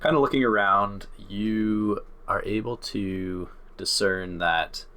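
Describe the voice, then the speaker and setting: Deep-voiced male dungeon master. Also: steady tone, slow, bright, forceful tone. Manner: descriptive, easygoing, with hesitant fillers. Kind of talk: tabletop game narration.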